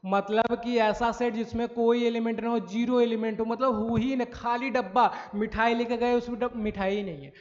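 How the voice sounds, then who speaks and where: Male maths teacher, high voice, step-by-step lecture, asks and answers his own questions, dull lo-fi sound, long room echo. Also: flat delivery, moderate pace, hardly any pauses. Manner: frequent checks for understanding. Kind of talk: recorded classroom lecture. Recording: dull lo-fi audio in a reverberant room.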